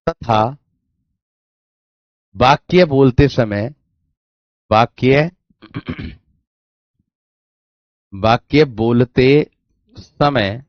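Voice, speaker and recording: Teacher repeating slowly, lo-fi. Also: male voice, mid-range voice, no echo. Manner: repetitive, dictates slowly, keeps asking if it's clear. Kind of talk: online exam-prep class. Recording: dry, dull lo-fi sound.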